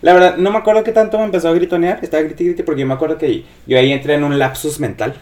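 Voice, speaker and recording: A man's voice: a little high, racing. A man telling gossip in a casual chat, acting out the quoted voices. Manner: animated storyteller, acts out quoted voices. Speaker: podcast co-host telling gossip.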